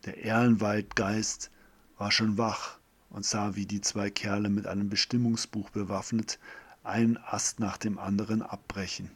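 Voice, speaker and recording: A man's voice: lowish voice, level tone, measured pace, slightly rough. A man reading a homemade story aloud in a plain way, with slips and restarts.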